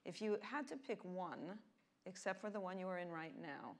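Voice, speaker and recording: Woman interviewer, lower voice, upbeat and direct. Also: expressive, normal speed. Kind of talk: onstage interview.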